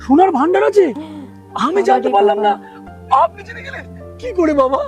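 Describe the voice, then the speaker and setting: A man playing an excitable, gullible young villager in an exaggerated comedy skit. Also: very high voice, a little fast, faint music behind. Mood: eager, respectful.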